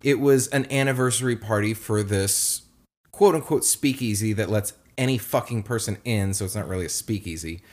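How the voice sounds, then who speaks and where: A young man co-hosting a casual chat, telling a story with lively acted-out quotes. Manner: animated storyteller, acts out quotes in a high voice. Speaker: podcast co-host.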